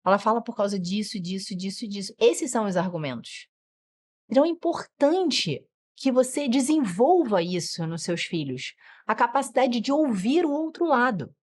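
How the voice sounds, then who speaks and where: A woman's voice: on the high side, moderate pace. A middle-aged woman with a Brazilian Portuguese accent, teaching a parenting course and acting out what children and parents say. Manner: animated, acts out children's and parents' lines in shifting voices. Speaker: parenting educator. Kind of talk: online course lesson.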